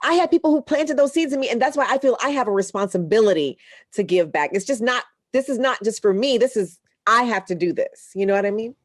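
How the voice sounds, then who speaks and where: A woman broadcaster speaks as a podcast guest in an earnest, animated voice that sits a little high. Her stories come in a heartfelt, conversational flow and she laughs easily. The recording is dry and close, with no room sound. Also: fast talker, dry recording.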